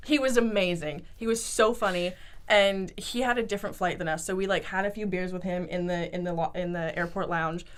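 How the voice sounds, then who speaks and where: A woman co-hosting a podcast, telling an animated festival story in casual chat and swearing freely. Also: on the low side, a little fast, smooth. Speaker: podcast co-host.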